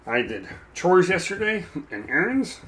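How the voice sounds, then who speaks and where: A man chatting casually while he paints a miniature, rambling and self-deprecating, with a dry, froggy throat that he keeps clearing. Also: sits high, big pitch swings, measured pace, fairly bright tone. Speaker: mini painting streamer.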